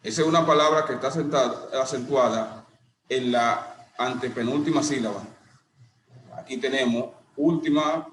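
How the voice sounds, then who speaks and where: A middle-aged man teaching a lesson, explaining slowly and deliberately with a few restarts. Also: medium pitch, a bit bright, slight background noise. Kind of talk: classroom lesson. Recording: echoey room with faint ambience.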